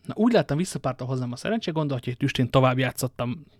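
A man's voice: mid-range voice, animated, dry recording, studio quality, lightly acted. A man reading an audiobook and voicing Athos, a worldly, ironic musketeer, with a languid manner of telling his tale. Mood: wry.

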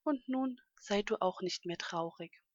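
A woman playing a large, friendly ostrich who talks in a gentle, patient, explaining way. The storybook audio is dry and somewhat muffled. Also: mid-range voice, measured pace, no echo, close to an everyday voice. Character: big friendly male ostrich, calm and kindly.

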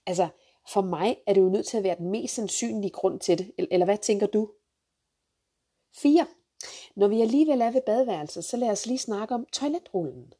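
A woman ranting through a countdown of pet peeves, blunt and sarcastic, swearing freely and jumping into sharp outbursts. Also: mid-range voice, animated, breathy edge. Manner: jumps to sharp loud outbursts. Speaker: vlogger, mother.

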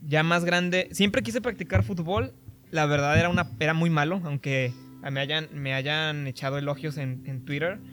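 A man's voice: a little high, normal speed. A young man from Mexico with a Mexico City accent, telling a story animatedly in a casual chat among friends, laughing often. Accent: Mexico City Spanish. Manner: animated, laughing, acts out voices in his anecdotes.

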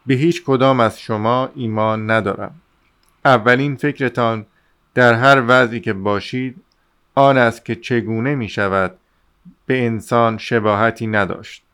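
A man reading the lines of an exasperated young man who shouts at and scolds his friend. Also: mid-range voice, steady tone, clean tone, close to an everyday voice. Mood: scolding.

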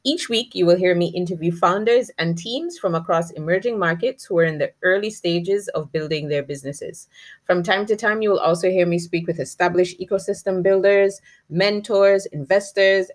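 Female podcast host, lower voice, measured and deliberate delivery. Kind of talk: podcast intro and interview.

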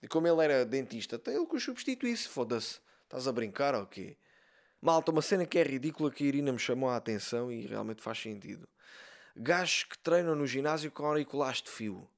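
A man's voice: medium pitch, a little fast, gravelly. A man with a European Portuguese accent hosting a solo podcast, telling crude jokey stories straight to his listeners. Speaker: podcast host. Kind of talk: casual solo podcast rant.

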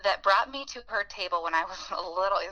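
A woman's voice: medium pitch, a little fast, sharp tone, lo-fi sound. A woman in her forties, a beginning teacher, earnestly telling personal stories in an interview and acting out the voices she remembers. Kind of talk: heartfelt personal storytelling.

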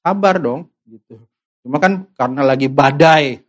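Male preacher, slightly high voice, casual sermon, talks right to the congregation, acts out examples. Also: normal speed. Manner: animated, acts out voices of worried believers; asks the audience questions directly.

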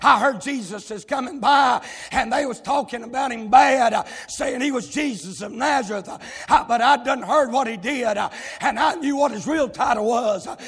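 A Southern US preacher voicing an overjoyed man, once blind and now healed, who shouts his testimony with exultation. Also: very high-pitched, moderate pace, few pauses, slightly rough, full character voice. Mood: exultant. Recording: long church hall reverb.

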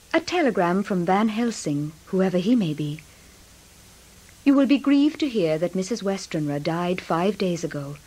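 A woman's voice: mid-range voice, darkish tone, slightly rough, poor audio. An actress playing a devoted, anxious young wife, narrating her diary tenderly in a radio drama.

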